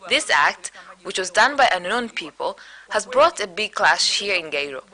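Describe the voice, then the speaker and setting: A woman reading a formal news voice-over translation in a measured, steady way. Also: medium pitch, poor audio. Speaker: voice-over interpreter.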